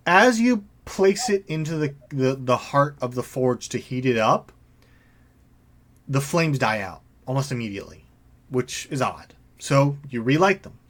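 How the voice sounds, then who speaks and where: A man running a tabletop game as game master, narrating scenes descriptively with halting restarts and fillers. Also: mid-range voice, sing-song.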